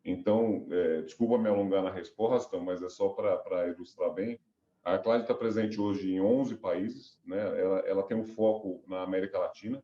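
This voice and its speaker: A middle-aged man with a cold, serving as a company director, rambles in a business interview, often restarting and using fillers. His stuffy, nasal voice sits low and warm, with steady tone at a moderate pace, captured in a reverberant, lo-fi recording.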